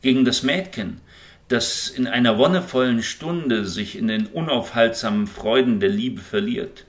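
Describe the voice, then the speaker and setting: A man reading an audiobook in an expressive, impassioned way. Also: medium pitch, measured pace. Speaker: audiobook reader. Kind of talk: scripted audiobook narration.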